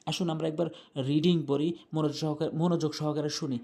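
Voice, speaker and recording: A man with a fairly high, mellow voice gives a Quran recitation lesson. He spells each letter and its vowel marks aloud in short phrases. His explanations move quickly, and his recitation is slow and drawn out. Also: flat delivery.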